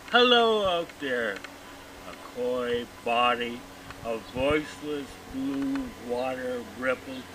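A man reciting his own poem outdoors, in a very slow, deliberate, dramatic reading. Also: mid-range voice. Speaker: poet. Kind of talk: poetry recitation. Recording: distant mic, outdoor noise and traffic.

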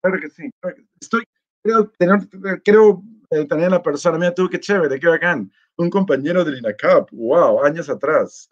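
A man's voice: fairly high pitch, moderate pace, highs cut off. A man, hosting a live stream and casually reading out and answering viewer comments. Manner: chatty and easygoing, reads greetings aloud and answers them. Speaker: vlogger hosting a live chat contest.

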